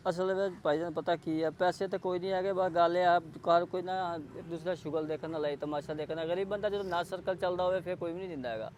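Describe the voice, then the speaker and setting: A man's voice: sits high, steady tone, fast, few pauses, a little mellow, slight background noise. A man with a Pakistani Punjabi accent, earnestly explaining his family's troubles while asking for help for a sick child. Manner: rambling, earnest, pleading. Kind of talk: unscripted conversation.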